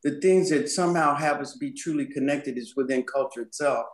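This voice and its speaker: A woman's voice: low voice, fairly quick. A woman guest speaks in a thoughtful, emphatic way on a podcast and laughs easily. Her voice rings with plenty of room echo. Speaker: guest, culture and communication consultant. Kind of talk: podcast conversation.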